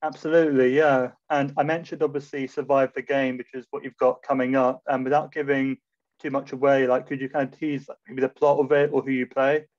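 A man's voice: medium pitch, little pitch movement, a little fast, a little mellow. A man hosting an interview, asking hesitant, rambling questions with many fillers. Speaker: interview host. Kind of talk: casual interview. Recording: dull lo-fi sound.

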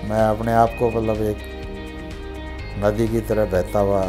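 An older man from Haryana, India, telling his life story in an interview, reflective and unhurried, recorded on a lapel mic in an office. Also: fairly low pitch, level tone, over music. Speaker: businessman interviewee. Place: office with shelves of awards, indoors.

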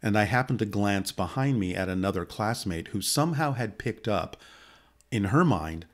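A man in his sixties with a deep, low voice talks at a measured, even pace. He recounts a long personal story in a steady, unhurried way, seated close to a studio microphone. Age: 60s. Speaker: guest. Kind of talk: long personal account in conversation. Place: indoor studio set. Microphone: boom-mounted studio mic close by.

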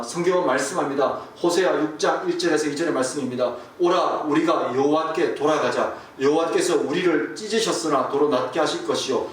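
A man, a pastor, preaching a sermon and telling a story, falling to a hush and then rising again. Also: on the high side. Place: church sanctuary. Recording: distant, echoey room with faint hiss.

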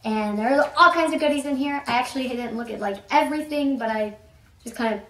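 A woman's voice: high-pitched, quick pace, a bit bright. A young woman chatting casually through a snack unboxing, bubbly and repeating "really" for emphasis. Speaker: vlogger. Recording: echoey room, a bit far from the mic.

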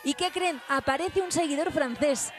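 Very high-voiced woman reporter. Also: normal speed. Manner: chatty, teasing, upbeat. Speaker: street reporter and host. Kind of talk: lively street reporting with narration. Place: outdoors in a busy city plaza.

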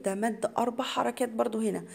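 A woman with an Egyptian accent teaching tajweed to beginners. She explains each rule in quick colloquial speech, then recites the words slowly and drawn out. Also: fairly high pitch, fairly even intonation, gravelly. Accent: Egyptian Arabic.

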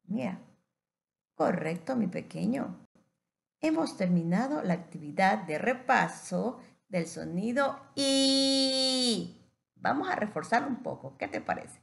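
A woman teacher giving a patient phonics lesson to young children, stretching words out slowly. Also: mid-range voice, sing-song, creaky.

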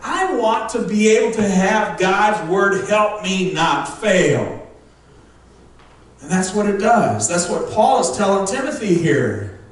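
Male pastor, high voice, lively joking sermon, heard from far off in a very echoey church, faint hiss. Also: takes it slowly. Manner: lively, jokey preaching that acts out congregation responses. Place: church sanctuary. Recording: very echoey room, distant mic, faint noise.

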